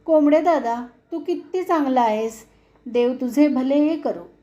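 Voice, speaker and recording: A woman's voice: sits high, measured pace, dark tone, highs cut off. A woman voicing a poor injured little female sparrow in a storybook tale, speaking in a plaintive, pleading way. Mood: grateful.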